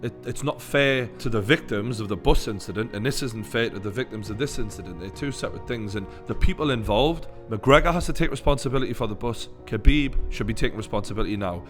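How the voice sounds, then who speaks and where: A man with a Newcastle Geordie accent delivers blunt, opinionated fight commentary. His voice sits at an ordinary male pitch and he swears freely. Music plays behind him. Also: quick pace, hardly any pauses.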